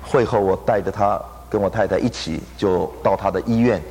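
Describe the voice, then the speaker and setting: A man's voice: fairly low pitch, fairly even intonation, normal speed, darkish tone, husky. A man preaching a sermon, telling a story animatedly and acting out the people he quotes. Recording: long hall reverb.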